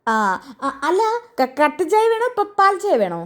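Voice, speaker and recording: A woman's voice: extremely high pitch, sing-song, normal speed, voice pushed up, exaggerated voice. A woman voicing a hard-of-hearing old male village tea shop owner who keeps mishearing and asking again. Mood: confused. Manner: shouts back, mishears, confused.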